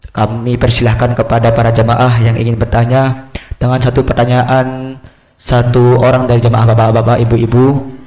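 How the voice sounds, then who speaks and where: Flat-voiced male moderator. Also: mid-range voice. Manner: flat and measured. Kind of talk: formal announcing.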